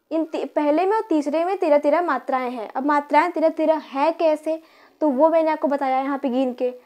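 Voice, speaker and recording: High-voiced woman teaching, counting aloud. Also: darkish tone. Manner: repeats syllables and counts aloud, asks pupils questions. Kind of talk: board lesson explaining grammar.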